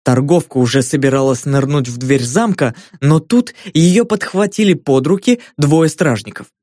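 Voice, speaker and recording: A man narrating a fantasy novel as an audiobook in a lively, expressive reading. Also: fairly high pitch, normal speed, no room sound, studio quality.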